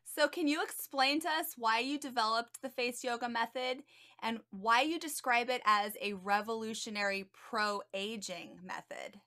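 A young adult woman hosting an interview on a video call from her home, speaking eagerly and clearly. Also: on the high side, measured pace, pushed and bright. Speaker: host, social worker. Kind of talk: scripted introduction then interview.

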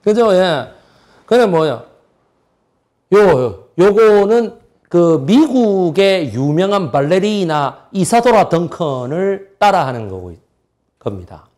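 A middle-aged man lectures on history, tossing out rhetorical questions and then answering them himself. His voice sits high and swings up and down with a lot of energy. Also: takes it slowly. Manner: lively, asks and answers his own questions.

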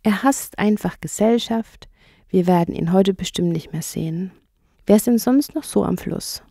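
A cheerful male water rat for a children's audiobook, voiced by a woman. He sounds high, lively and friendly, with a slightly gravelly edge. The recording is close and dry. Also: normal speed, no echo. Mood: disappointed.

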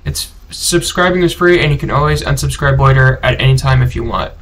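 A man's voice: mid-range voice, brisk, fairly bright tone. A man giving casual gameplay commentary as a gaming channel host, rambling and often correcting himself as he talks. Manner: rambling, self-correcting, chatty.

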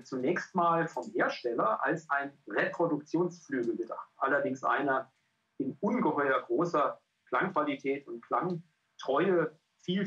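Give me a middle-aged man on a headset call who presents his research in halting phrases, with a muffled lo-fi sound. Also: mid-range voice, fairly bright tone. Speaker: cultural scientist and pianist presenting a research project. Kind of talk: hesitant presentation on a video call. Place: indoor room. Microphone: headset on a video call. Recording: dull lo-fi call audio.

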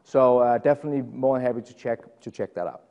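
A man's voice: medium pitch, animated, fast talker, gravelly, darkish tone, long reverb tail, lo-fi sound. A middle-aged man from Denmark with a Danish accent, presenting a technical session in a casual, chatty way full of fillers and self-deprecating asides. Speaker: conference presenter. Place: conference room.

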